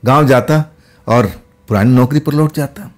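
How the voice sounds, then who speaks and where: A man voicing a kind, fearless young female ghost who talks softly and familiarly. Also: medium pitch, moderate pace, natural voice. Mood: gently familiar. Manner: soft, familiar, using intimate address.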